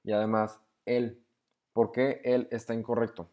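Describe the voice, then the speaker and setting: A man's voice: mid-range voice, flat delivery, measured pace, a little mellow. A young man patiently walks through grammar exercises, reading each sentence aloud and explaining it step by step. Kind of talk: screen-recorded lesson walkthrough.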